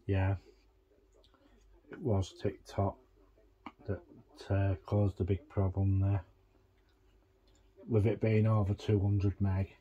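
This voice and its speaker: A man vlogging a casual tech walkthrough, thinking aloud in a halting, rambling way. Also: low voice, monotone, mellow, muffled recording.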